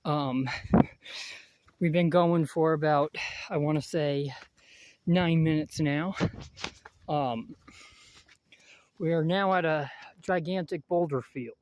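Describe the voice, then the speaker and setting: A young man giving a rambling, halting tour of a mountain hike outdoors, out of breath and filling pauses with many ums, talking into a handheld phone. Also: a little high, a little mellow, slight background noise. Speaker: vlogger giving a hiking tour. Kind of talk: casual hiking vlog.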